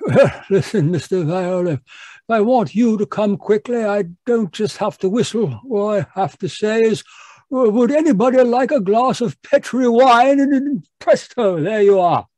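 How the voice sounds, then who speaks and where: An actor playing a genial gentleman doctor, the loyal sidekick who narrates an old radio mystery. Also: sits high, animated, normal speed, dry recording. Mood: genial storytelling.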